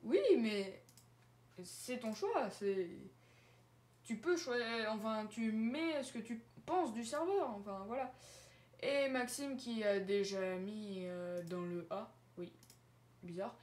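A woman's voice: a little high, takes it slowly, a little mellow. A woman casually walking viewers through her online chat servers on screen, hesitant with many fillers and small giggles. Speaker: Discord server owner showing her servers. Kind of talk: casual screen-share walkthrough. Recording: roomy echo.

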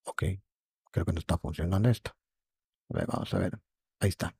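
A man teaching an online English lesson at an unhurried pace. His low voice is gravelly and husky. He patiently repeats words and keeps checking in with his students, recorded close and dry. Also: huge pitch swings, a little mellow, dry recording. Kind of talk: online lesson explaining grammar.

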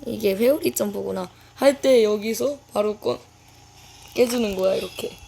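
A woman's voice: mid-range voice, normal speed, creaky, mellow, slight background noise. A woman giving casual, playful commentary to herself while playing a video game. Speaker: gaming YouTuber.

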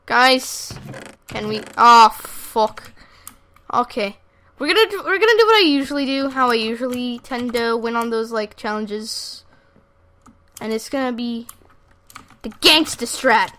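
A woman hosting her own gaming channel, giving live gameplay commentary in an excitable, foul-mouthed way and talking straight to her viewers. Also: fairly high pitch, a little slow, long pauses. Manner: excitable, swears freely, talks straight to viewers.

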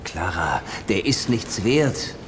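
A man's voice: sits low, very animated, slow, exaggerated voice. An actor playing a dry, self-assured middle-aged male boss in film drama dialogue. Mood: impatient. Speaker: boss of auction house. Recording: echoey, distant, music behind.

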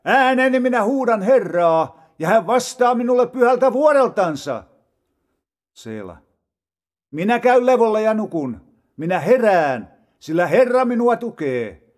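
A man reading psalms aloud in a solemn, measured way with dramatic rises and falls. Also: high-pitched, big pitch swings, a little mellow. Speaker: Bible reader. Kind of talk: scripted scripture reading.

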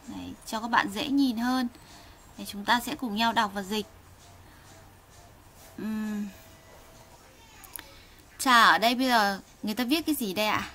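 A woman teaching an online Korean lesson in Vietnamese, reading sounds slowly and patiently for learners to repeat. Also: a little high, sharp tone. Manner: slow, patient, drills sounds for students to repeat.

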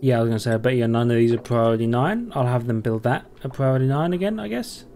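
A man's voice: mid-range voice, fast, mellow, slight background noise. A man doing gameplay commentary, thinking aloud in a rambling way and asking himself questions. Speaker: game streamer, let's play host.

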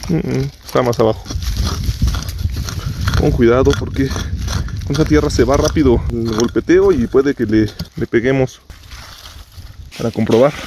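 A man vlogging outdoors while metal detecting, talking excitedly to viewers and laughing often. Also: mid-range voice, a little slow, pauses often, background noise. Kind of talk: outdoor treasure-hunting vlog. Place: outdoors on a hillside.

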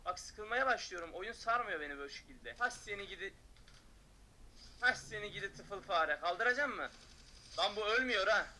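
Brief: male streamer, loud mocking trash talk over gameplay, high and sharp-edged. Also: expressive, normal speed, long pauses, slight background noise. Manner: loud, taunting, mocking shouts. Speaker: gaming streamer. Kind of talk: excited gameplay commentary.

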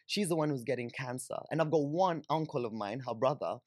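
A young adult podcast guest with a Kenyan accent recounts personal stories in a relaxed, conversational way, often saying "like" and "you know." His voice is mid-range and darkish, and he speaks briskly from a sofa in a small studio. A nearby boom-arm studio mic yields a dry, clean recording.

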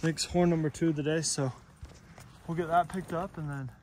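A man's voice: fairly high pitch, moderate pace, a little hiss or hum. Young guy vlogging outdoors on his phone. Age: young adult. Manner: relaxed, rambling, lots of fillers. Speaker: shed hunting vlogger. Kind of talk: casual outdoor vlog. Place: outdoors in open scrubland. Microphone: phone camera held close.

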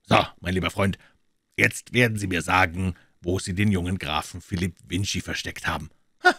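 A deep-voiced captor in a crime audiobook, as the reader plays him, speaking softly and courteously with cool menace. The voice stays low and even, recorded dry and close. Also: male voice, normal speed, breathy edge, dry recording, exaggerated voice. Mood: calm menace. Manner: quiet, courteous, coolly threatening. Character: calm polite menacing male captor.

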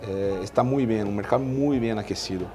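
A man in his thirties, a veterinarian, answering interview questions in Spanish with a Brazilian Portuguese accent, halting with many fillers and restarts, recorded on a lapel mic at an indoor stand. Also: fairly low pitch, dark tone, soft background music. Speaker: veterinarian in equine nutrition.

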